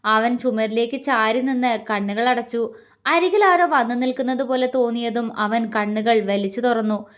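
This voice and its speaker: High-voiced woman telling a story softly. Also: fairly even intonation, moderate pace. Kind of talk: narrated romance story.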